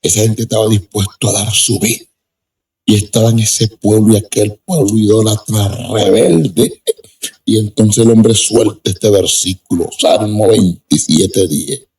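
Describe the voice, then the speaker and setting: A man's voice: lowish voice, unhurried, darkish tone, breathy edge, rough recording. A man giving a personal testimony in an interview, emphatic and repeating words for stress. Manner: repetitive and emphatic. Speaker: interview guest.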